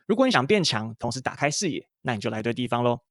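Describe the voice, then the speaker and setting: A man with a Taiwanese Mandarin accent hosting a business podcast, who reads a scripted intro and then asks measured questions. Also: medium pitch, sing-song, fairly bright tone, no echo, clean studio sound. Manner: measured, careful questions in English. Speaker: podcast host.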